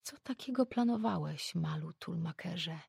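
A woman doing a brisk, guarded young priestess. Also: on the low side, animated, vocal fry, darkish tone, slightly rough, no echo, studio quality, exaggerated voice. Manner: brisk, matter-of-fact.

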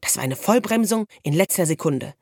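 A woman narrating a children's storybook in a calm, even storytelling manner. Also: low-pitched, fairly quick, creaky, breathy edge, no room sound, clean studio sound. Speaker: audiobook narrator.

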